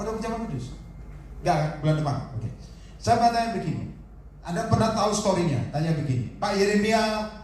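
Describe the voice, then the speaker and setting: A male evangelist preaching a lively sermon, telling stories, quoting people and joking with the congregation. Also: high voice, far from the mic. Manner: animated, storytelling, quotes people in little voices, jokes with the congregation. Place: large worship hall. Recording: echoey hall, from afar, faint hiss.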